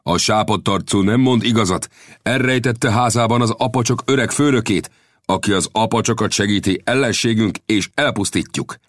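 An arrogant warrior leader who speaks curtly and with scorn, set higher than the reader's own voice, as a man puts him on. The delivery is loud and dry, recorded close. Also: dry recording, lightly acted. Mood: accusing. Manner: haughty, curt.

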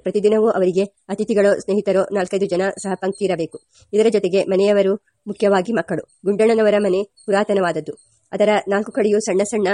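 A woman reading a memoir aloud as an audiobook, steady and unhurried, with small restarts. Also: medium pitch, dry recording, studio quality. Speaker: audiobook reader.

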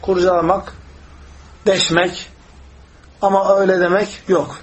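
A man teaching a religious lesson, explaining hadiths with lively storytelling and acting out the voices he quotes. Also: high-pitched, a little slow.

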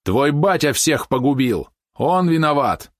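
A man's voice: a little high, very animated, unhurried, no room sound, studio quality, pitched above the performer's own voice. A man reading aloud, voicing a tall, menacing village boy who hurls accusations. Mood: shouting. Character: tall bullying village boy, angry and threatening.

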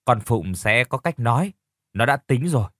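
A man's voice: medium pitch, lively intonation, moderate pace, fairly bright tone, no room sound, studio quality, close to an everyday voice. A man voicing a sly scheming young aunt.

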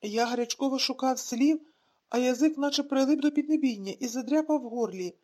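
A woman narrating an audiobook in a calm, reflective storytelling manner. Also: sits high, a little fast. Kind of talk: scripted narration.

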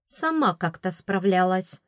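A woman's voice: on the low side, animated, a little slow, dry recording, clean studio sound. A woman voicing a tired young heroine who answers in a grumbling, sarcastic tone.

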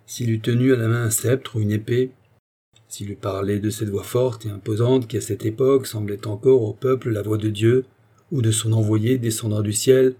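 A man narrating a classic novel as an audiobook, with expressive, theatrical delivery. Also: medium pitch, husky.

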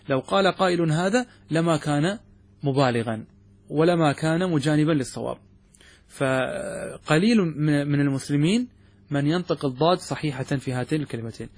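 A man teaching religious law, explaining a text step by step and often asking his students whether it is clear. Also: fairly high pitch. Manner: poses questions then answers them. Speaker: sheikh teaching Islamic jurisprudence. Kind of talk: classroom commentary on a text.

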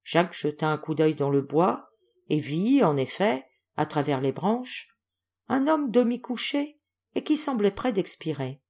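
A woman narrating a classic novel audiobook in a measured, clear storytelling manner. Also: on the low side, big pitch swings, darkish tone. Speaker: audiobook reader.

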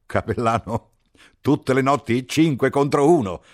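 A man voicing a boisterous army captain who teases loudly and speaks in slow, broken phrases. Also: mid-range voice, pitched above the performer's own voice, lightly acted. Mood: mocking. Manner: loud, teasing, slow broken speech.

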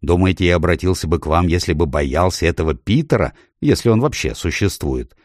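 A man's voice: sits low, expressive, a little fast, no room sound, studio quality. A man reading an audiobook, voicing a middle-aged usurper king who barks indignantly at his lords. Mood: furious. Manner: barking, indignant.

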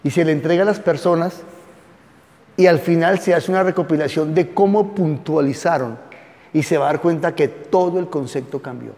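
Male Bible teacher, high voice, chatty lecturing style, long hall reverb; quizzes the room. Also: moderate pace, darkish tone. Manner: conversational, asks the audience questions; reads aloud from notes and comments. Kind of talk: classroom lecture.

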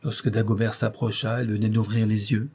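A man reads a classic tale aloud in a steady storytelling manner. His voice is dark and mellow, with a husky grain. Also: on the low side, a little fast. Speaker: narrator. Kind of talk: audiobook reading of a classic tale.

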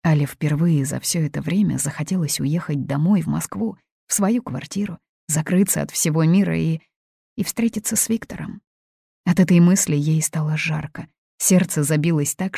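A woman narrating an audiobook in a calm, measured way. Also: sits low, vocal fry, slightly rough, no echo, studio quality. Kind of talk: scripted narration.

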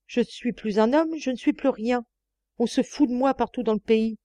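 A lecherous older master who stammers and pleads, as a woman reader voices him in a slow, measured audiobook read. The voice stays mellow and warm, recorded close and dry. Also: medium pitch, dry recording, close to an everyday voice. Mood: indignant.

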